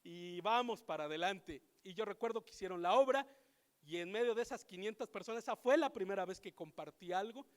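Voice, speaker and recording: A man with a Mexican accent, a pastor mixing personal stories with emphatic preaching in a lively, animated way. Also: high voice, fairly quick. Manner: animated, shifts between storytelling and emphatic preaching. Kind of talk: sermon with personal anecdotes. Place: church hall. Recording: reverberant church hall.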